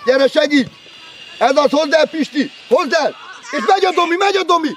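A man coaching youth football from the sideline, shouting short urgent instructions and player names outdoors. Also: extremely high pitch, animated. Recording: crowd noise from an outdoor match.

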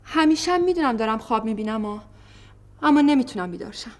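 A woman's voice: fairly high pitch, expressive, natural voice. An actress playing a frightened young wife in a televised stage drama, telling her mother about her nightmares with an anxious, pleading manner. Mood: troubled. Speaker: daughter.

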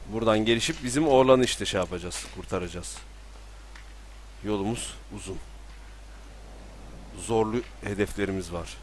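A man's voice: fairly low pitch, moderate pace, long pauses, slight background noise. Casual young man streaming a game. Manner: talks to himself, bursts into panicked yelling. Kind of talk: live gameplay commentary. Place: room at home with balcony door open.

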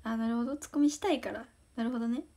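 Her pitch is fairly high and her intonation fairly even, with warm, rapid-fire delivery. This teen idol from Osaka chats casually in a Kansai accent on a livestream, shyly giggling as she reads comments and thanks fans.

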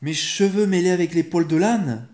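A stern, quick-tempered mother in a bedtime storybook, snapping out impatient rebukes. A man reads her, with his voice raised a little in pitch over a mellow tone. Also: expressive, close to an everyday voice. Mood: angry. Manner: sharp, scolding and impatient.

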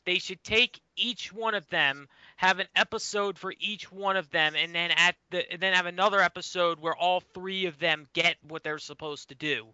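A man's voice: sits high, moderate pace, few pauses, sharp tone, clear, resonant tone, no echo, lo-fi sound. A man from Rhode Island with a Boston-like southern New England accent, chatting casually as a podcast co-host. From Rhode Island, USA. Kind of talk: casual fan podcast chat.

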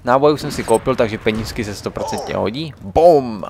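A man's voice: mid-range voice, noisy background. Chatty young man narrating his gameplay. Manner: chatty, muttering to himself while playing. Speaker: let's play gamer. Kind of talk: casual gameplay commentary.

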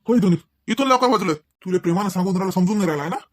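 A man's voice: high voice, very fast, dry recording, studio quality, natural voice. A man voicing an angry young husband who sternly scolds his wife, speaking. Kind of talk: cartoon voice acting.

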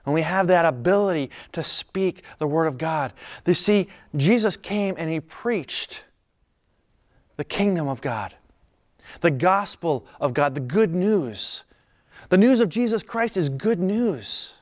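A man preaching a sermon in an earnest, conversational way, dropping to soft, calm lines. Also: on the high side, measured pace. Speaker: pastor.

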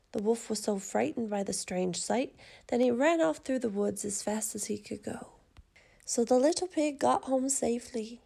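A woman reading a children's storybook aloud with gentle, steady pacing. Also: on the high side, vocal fry.

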